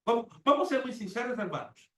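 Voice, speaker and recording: Talking a little fast in a very high-pitched voice with lively intonation, a man in his sixties teaches Bible class sermon-style in a church classroom. He repeats words emphatically and acts out quoted prayers, heard from afar in an echoey room with faint hiss.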